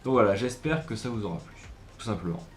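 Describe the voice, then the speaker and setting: A man's voice: fairly low pitch, expressive, quick pace. A man giving a casual phone review, hesitant with many fillers and restarts. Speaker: tech reviewer. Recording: roomy echo with faint music.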